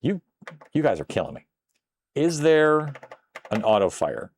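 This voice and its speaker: A man's voice: mid-range voice, sing-song, measured pace, darkish tone. An older man casually commenting while playing a retro computer game on a live stream, chatting with viewers and exclaiming at close calls.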